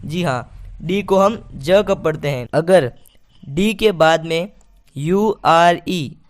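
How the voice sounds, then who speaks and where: A man's voice: sits high, clear, resonant tone. A man teaching English pronunciation, patiently repeating each point and asking it back as a question. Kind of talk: spoken lesson.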